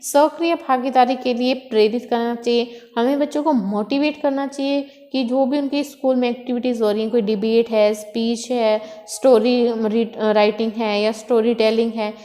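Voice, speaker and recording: A woman's voice: a little high, steady tone, moderate pace, few pauses, warm tone. A woman teacher explaining a lesson step by step, asking questions and answering them herself. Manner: asks and answers her own questions. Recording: echoey room with long reverb.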